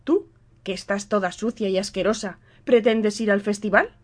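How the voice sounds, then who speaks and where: A woman voicing a cold, scornful middle-aged stepmother who scolds loudly and mockingly. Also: mid-range voice, normal speed, voice pushed up, natural voice.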